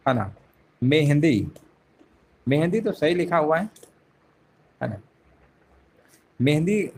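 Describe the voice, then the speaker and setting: A male teacher with a somewhat high voice leads a live online exam-prep class. He walks through each question step by step, repeats the answers, and keeps asking rhetorical questions. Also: big pitch swings, slow, vocal fry, husky.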